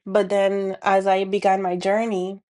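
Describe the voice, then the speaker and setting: Her mid-range voice is dark and monotone, moving at a measured pace, as this woman from the Dominican Republic hosts a spiritual healing talk. She addresses the camera earnestly in a reflective monologue, with a Dominican Spanish accent and frequent fillers and restarts.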